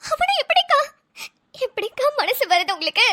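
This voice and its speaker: A woman's voice: very high-pitched, very animated, normal speed, bright, forceful tone, dry recording, clean studio sound, heavily acted. A woman voicing an anxious young woman who pleads frantically in a cartoon. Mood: frantic. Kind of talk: dubbed cartoon voice acting.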